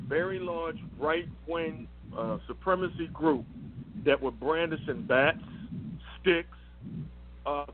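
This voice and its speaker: A man on a conference call whose phone line keeps breaking up. He talks haltingly, with many fillers and repeated words. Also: on the high side, a little hiss or hum. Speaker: call-in panelist.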